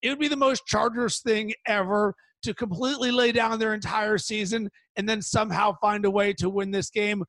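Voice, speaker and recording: A man's voice: sits high, steady tone, moderate pace, hardly any pauses, fairly bright tone, dry recording, low-quality recording. A man hosting a sports betting podcast solo, with an emphatic, punchy delivery and stretched-out words. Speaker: podcast host.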